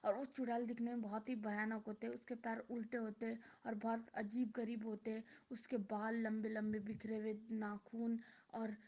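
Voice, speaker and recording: A woman's voice: a little high, little pitch movement, moderate pace, darkish tone. A woman telling a story casually, in an informal and repetitive way with many fillers, on a dull lo-fi recording.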